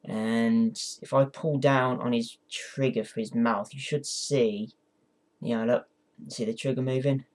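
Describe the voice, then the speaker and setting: A man's voice: mid-range voice, steady tone, measured pace, darkish tone. A man talking casually through an instructional vlog, hesitant and apologetic, with encouraging words for his viewers. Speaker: amateur ventriloquist giving a tutorial.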